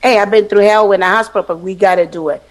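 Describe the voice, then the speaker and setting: A woman's voice: mid-range voice, steady tone, fast talker. A woman on an internet radio panel, talking bluntly and emphatically, with casual swearing.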